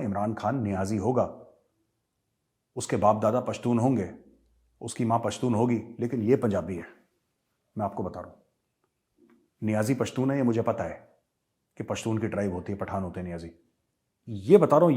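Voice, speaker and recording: A man's voice: fairly low pitch, a little mellow. A middle-aged man hosting a show, giving emphatic, opinionated commentary and slipping English phrases into his Hindi.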